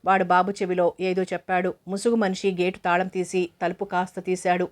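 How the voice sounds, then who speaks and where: A woman narrating an audio novel in a steady, even storytelling manner. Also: on the low side, fairly quick.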